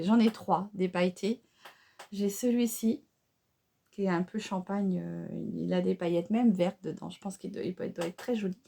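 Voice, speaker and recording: A woman talks her viewers through an improvised makeup look in a relaxed, mellow voice. She chats along with many fillers and little asides, hesitating over choices and asking the audience what they think. Her pitch sits in a middle range. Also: creaky. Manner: excited exclamations over the colors. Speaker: beauty vlogger. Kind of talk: casual makeup tutorial chat.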